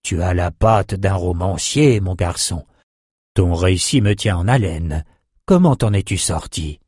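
A man doing a calm, wry old sorcerer. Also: sits low, breathy edge, dry recording, clean studio sound, pitched below the performer's own voice. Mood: measured. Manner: slow, measured, gently teasing. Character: older male sorcerer, calm and wry mentor.

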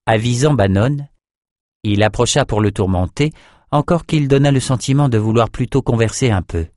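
A man narrating a fantasy audiobook in a measured, even storytelling manner. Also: medium pitch, no room sound, clean studio sound.

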